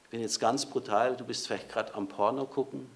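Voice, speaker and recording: A man's voice: medium pitch, steady tone, brisk, vocal fry. A man preaching a sermon in a conversational way, speaking directly to his listeners.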